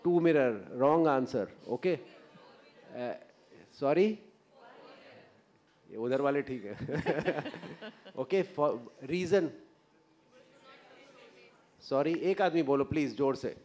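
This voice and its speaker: A man's voice: mid-range voice, expressive, a little fast, long pauses, a little mellow. A middle-aged man with a North Indian accent lecturing informally on stage into a microphone, prodding the audience with questions. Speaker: ophthalmology lecturer. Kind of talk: interactive lecture mixing Hindi and English. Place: large auditorium, on stage. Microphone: podium or table gooseneck microphone.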